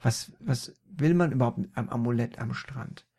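A dim-witted grown man whines and complains in a raised, high voice, as a male storyteller acts him out. His delivery is indignant and easily wounded, with a rough, gravelly grain under the complaints. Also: normal speed. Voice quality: whiny, high and loud. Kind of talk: comic storytelling.

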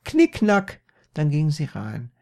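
A man tells a comic story in a slow, deadpan manner, stumbling over words and correcting himself as he goes. His voice has a rough, gravelly texture, and he never hurries. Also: mid-range voice. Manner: deadpan, unhurried, with slips and self-corrections.

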